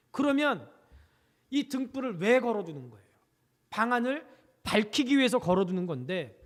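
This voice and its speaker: A woman pastor preaching, telling a story with rhetorical questions and acted-out quotes. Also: sits high. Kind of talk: sermon. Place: church sanctuary. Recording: long reverb of a church sanctuary.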